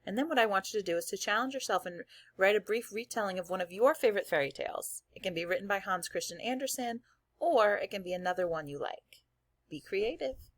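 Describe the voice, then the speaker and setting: In a recorded lesson, a woman schoolteacher with a mid-range, fairly bright voice reads aloud to her elementary class. She talks straight to the pupils, offering encouraging instructions one step at a time, and there is no room sound.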